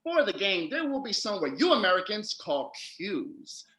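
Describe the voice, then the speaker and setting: For a comic stage show, a man plays Wilhelm Grimm, the excitable German storyteller brother of fairy-tale fame, with comedic patter and rhymed storytelling. His full character voice is piercingly bright and high, delivered with upbeat, emphatic, scolding showmanship at a moderate pace. The home recording is roomy and echoey.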